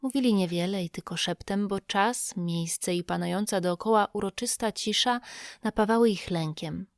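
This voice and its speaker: A woman reading a novel aloud as an audiobook narrator, with measured, suspenseful pacing and slow drawn-out phrases. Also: mid-range voice, dry recording, clean studio sound. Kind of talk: scripted literary narration.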